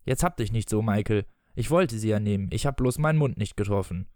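A sulky, stubborn family father who blusters and pities himself loudly, as read by a man, in a storybook reading. The sound is dry and close. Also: on the low side, lively intonation, a little fast, dry recording, natural voice. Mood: wheedling. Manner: blustering and self-pitying.

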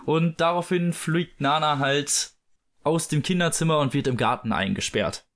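A man's voice: on the high side, moderate pace, fairly bright tone. A man casually retelling a story as a host, loose and full of fillers. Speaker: host reading and discussing a book. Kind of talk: casual chat and book read-aloud.

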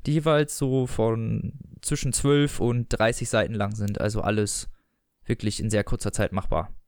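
A man's voice: on the low side, fairly even intonation, normal speed, a little mellow, smooth, no room sound, clean studio sound. A man chatting casually about a story collection, with loose restarts, then reading an excerpt aloud. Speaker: book reviewer.

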